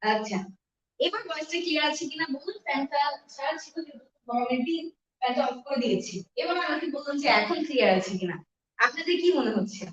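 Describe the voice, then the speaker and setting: A high-voiced woman teaches English on a live stream, mixing with slow, careful English. Her voice sits back from the mic in an echoey room, with faint background noise. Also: animated. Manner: switches between Bengali and slow deliberate English. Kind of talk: live-streamed language lesson. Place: room at home. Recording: echoey, distant, dull home mic.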